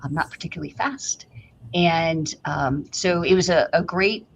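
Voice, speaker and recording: A woman's voice: low-pitched, unhurried, vocal fry, poor audio. A woman from St. Louis answering interview questions as a guest, humble and chatty, with many fillers. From St. Louis, Missouri, USA. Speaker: guest physician. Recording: remote video call, faint background noise.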